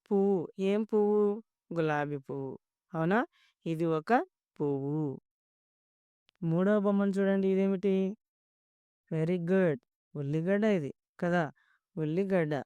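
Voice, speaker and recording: Patient children's reading teacher, sounds out syllables slowly, warm mellow tone, dry close recording. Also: medium pitch, clear, resonant tone, no echo. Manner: patient, spells words out syllable by syllable; asks children questions and praises answers. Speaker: primary school teacher. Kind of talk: reading lesson for young children.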